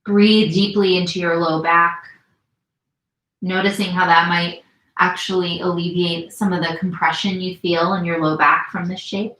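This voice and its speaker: A young woman teaching a yin yoga class from home, giving slow, soothing instructions with gentle pauses. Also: lowish voice, level tone. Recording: roomy echo.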